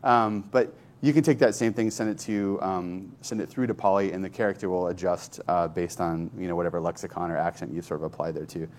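A man casually demonstrating software on screen, thinking aloud in a loose, conversational way. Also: deep voice, fairly even intonation, a little fast, few pauses. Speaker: software developer demoing a tool. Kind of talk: informal screen-share tech demo.

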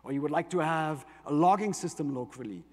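A German-accented man presenting for a tech company gives an explanatory keynote, using rhetorical questions to stress his points. His voice is a little high and brisk, recorded in a large, reverberant hall.

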